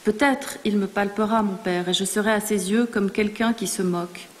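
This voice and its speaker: A woman reading aloud the words of an anxious younger son, in a measured, solemn way. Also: mid-range voice, lightly acted. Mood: worried. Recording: long reverb in a large hall.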